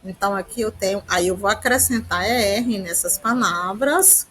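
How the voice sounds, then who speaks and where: A woman's voice: mid-range voice, normal speed, a bit bright, husky, low-quality recording. A woman from Brazil teaching English grammar, explaining each rule step by step and often checking in with the class.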